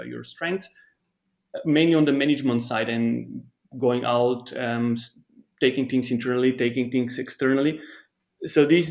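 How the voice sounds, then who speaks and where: A man from Bulgaria, a startup chief, lays out his answers in a careful, explanatory way, pausing and restarting as he thinks. His voice sits at a middling pitch. The recording is slightly dull and lo-fi. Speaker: startup CEO, guest. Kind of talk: conversational interview answers.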